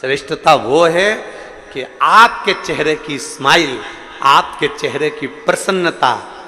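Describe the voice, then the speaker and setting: A man's voice: a little high, takes it slowly, bright, forceful tone, long reverb tail. A man giving a devotional sermon, telling stories, acting out their voices and repeating lines for emphasis. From India. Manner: storytelling preacher, acts out voices in anecdotes, repeats lines for emphasis. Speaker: kathavachak preacher.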